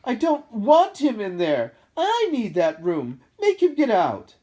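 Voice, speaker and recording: A man voicing a spoiled boy who whines and makes loud demands. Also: very high voice, very animated, normal speed, pitched above the performer's own voice. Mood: demanding. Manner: whiny, demanding.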